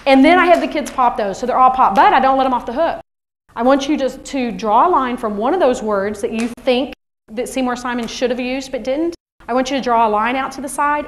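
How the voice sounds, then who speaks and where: Brief: woman teacher trainer, higher voice, animated workshop delivery. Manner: lively, animated, acts out kids' voices. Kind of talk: workshop presentation.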